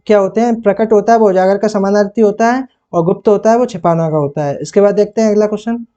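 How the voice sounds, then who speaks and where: A man teaching for a Hindi exam. He asks questions and answers them himself, and repeats and rereads phrases slowly. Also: sits high, dark tone. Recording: dull lo-fi sound.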